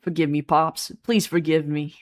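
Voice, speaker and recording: A woman's voice: deep voice, fairly even intonation, a little mellow, no room sound, natural voice. A woman reading the lines of a timid adult son who stumbles over his words. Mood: hesitant. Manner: halting, timid. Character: hesitant estranged adult son.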